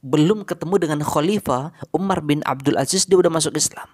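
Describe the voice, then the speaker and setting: A man telling a religious story in short phrases, with sudden rises in pitch. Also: a little fast.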